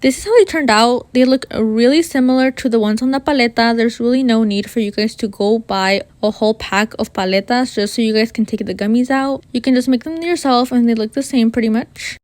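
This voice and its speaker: A woman's voice: on the high side, brisk, few pauses, darkish tone, no room sound. A woman narrating a how-to baking tutorial in an informal way, with a slight lisp and whistling s. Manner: addresses viewers informally as you guys. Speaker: baking video host.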